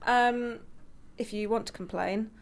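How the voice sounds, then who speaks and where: A woman's voice: on the high side, steady tone, measured pace, gravelly. Chatty woman podcast co-host. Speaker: podcast co-host and opinion writer. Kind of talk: casual chat and anecdotes.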